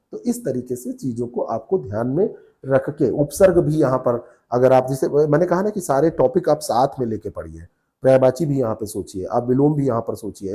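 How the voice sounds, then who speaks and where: A man's voice: on the high side, mellow. A man teaching an exam-prep lesson, asking questions and answering them himself, checking in with his listeners often.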